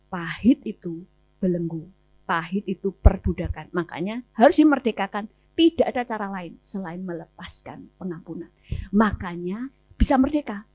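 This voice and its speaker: A woman pastor with an Indonesian accent, giving an animated conference sermon and acting out people's words as she tells stories. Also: mid-range voice, dry recording. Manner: animated storytelling, acting out dialogue.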